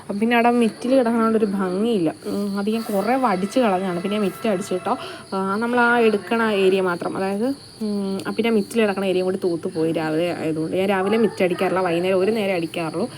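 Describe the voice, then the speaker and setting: Young woman chatting fast outdoors. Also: mid-range voice, steady tone. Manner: chatty, rambling, often trails off. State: voice changed by allergy, sneezy. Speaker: vlogger. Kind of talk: casual vlog narration. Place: outdoors at a home yard. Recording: outdoor vlog with loud ambient noise. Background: insects and animals.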